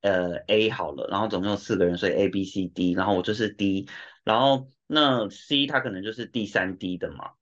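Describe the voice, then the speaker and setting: A man's voice: fairly low pitch, brisk, a bit bright. A man with a Taiwanese Mandarin accent chatting casually and explaining with examples, dropping in some Japanese and English words. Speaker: podcast speaker living and working in Japan. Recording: dull, lo-fi audio.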